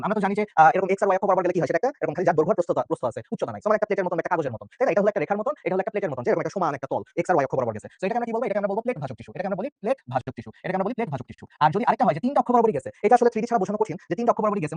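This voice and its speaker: Rapid-fire high-voiced young tutor. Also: male voice, no room sound. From Bangladesh. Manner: chatty, joking, keeps checking in with students. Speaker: biology tutor. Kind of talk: online exam-prep lecture.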